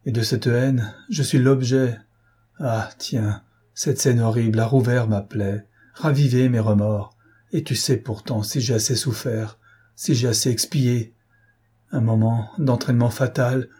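A man's voice: mid-range voice, steady tone, a little slow, dark tone, breathy edge. A man voicing a grief-stricken middle-aged father, speaking in anguish. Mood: despairing. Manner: anguished, pleading.

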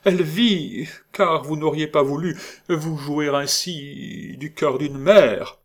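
A man reading aloud, voicing a distraught noblewoman who pleads in a high, trembling voice. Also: moderate pace, lightly acted. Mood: distraught, pleading.

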